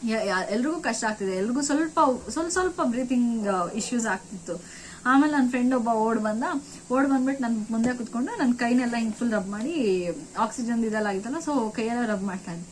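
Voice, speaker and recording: A young woman vlogger recounting a frightening trip in an excited, emotional way, repeating words and restarting sentences. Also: a little high, fairly quick, a little hiss or hum, low-quality recording. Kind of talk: emotional first-person storytelling.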